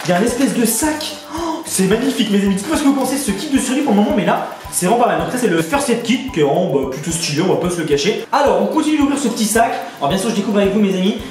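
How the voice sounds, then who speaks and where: A man talks rapidly and eagerly into a headset, calling his viewers his friends as he unboxes things. His voice comes across distant in a very echoey room, with music playing underneath. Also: high voice, expressive, darkish tone. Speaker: YouTuber. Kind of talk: casual unboxing chat. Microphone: borrowed headset.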